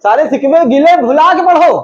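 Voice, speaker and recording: High-voiced, shouting Indian English teacher. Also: male voice, moderate pace, highs cut off. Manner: shouts drills, jokes with students. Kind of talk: classroom lesson with drills. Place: classroom with students.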